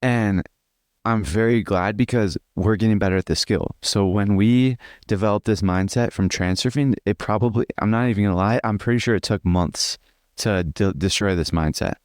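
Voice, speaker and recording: A young man with a low voice tells a story for his vlog, in a loose, earnest ramble full of "like" and restarts. The sound is close and dry. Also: moderate pace, dry recording. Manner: rambling, filler-heavy, earnest. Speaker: vlogger. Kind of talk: casual personal vlog.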